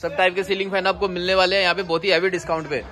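A man in his thirties from India, a wholesale seller walking through a warehouse and pitching stock to viewers in a brisk, casual vlog. He is filmed on a handheld phone as he moves around the site. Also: level tone, pushed and bright. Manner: brisk salesman pitch, addresses viewers as guys. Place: large warehouse and loading yard, partly outdoors. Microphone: handheld phone selfie camera, moving around.

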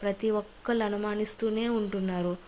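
A woman's voice: medium pitch, steady tone, a little fast, darkish tone, a little hiss or hum, lightly acted. A woman reading the lines of a hurt, angry young wife, reproachful and accusing, in a serial recap.

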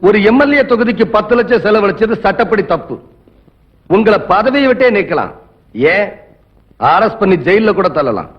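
Casting: defiant young idealist, high-voiced and moralizing, dramatic film delivery, slightly muffled old soundtrack. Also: male voice, big pitch swings, normal speed, pauses often. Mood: accusing. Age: young adult. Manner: firm, moralizing, challenging. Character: defiant, righteous young male champion of the poor. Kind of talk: dramatic Tamil film dialogue.

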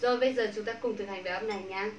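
A Vietnamese woman teaching English pronunciation to a class, drawing out model words slowly and repeating them. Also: mid-range voice, steady tone, far from the mic. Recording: echoey room, voice from off mic, faint background hum.

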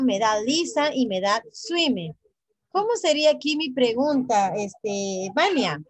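High, slow-speaking woman teacher. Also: no echo, poor audio. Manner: repeats each phrase in English and then in Spanish; patient, quizzes students by name. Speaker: English teacher.

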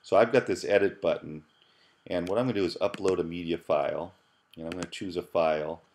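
A deep-voiced man gives a relaxed screencast tutorial from his desk. He chats loosely, stopping to restart and repeat words as he clicks along. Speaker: computer science professor. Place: at his computer, voice-over on screen capture.

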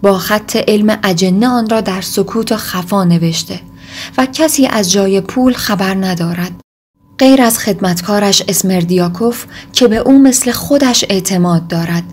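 A woman voicing an agitated, desperate young man in an audiobook reading, with intense outbursts that rise in pitch. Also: darkish tone, a little hiss or hum, close to an everyday voice. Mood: brooding.

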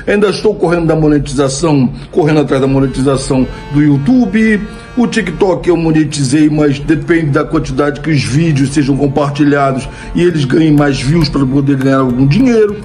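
This high-pitched Brazilian comedy content creator, in his fifties, answers viewers' questions indoors at home in a casual Q&A monologue. He talks at normal speed with a warm tone and a Brazilian Portuguese accent while faint music runs behind him. Chatty and quick to laugh at his own jokes, he keeps saying "né?", recorded close up on an old phone camera.

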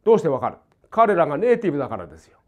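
An older man from Hokkaido with a light Hokkaido accent, teaching jazz guitar in a casual, animated way and acting out rhythms and quoted voices. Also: on the high side, racing. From Hokkaido, Japan. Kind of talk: casual spoken lesson. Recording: dull lo-fi recording.

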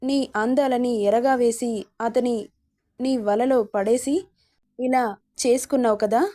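A woman's voice: a little high, steady tone, unhurried, warm tone, lightly acted. A woman voicing a haughty sister-in-law who taunts and threatens a maid. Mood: scornful.

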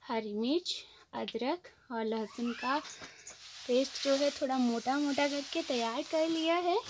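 A woman from Himachal Pradesh chatting slowly to her viewers as she cooks at a home stove, filmed on a phone. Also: high-pitched, background noise. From Himachal Pradesh, India. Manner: slow, chatty, addresses viewers as friends. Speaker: cooking vlogger. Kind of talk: casual cooking narration. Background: sizzling and stirring in a pan.

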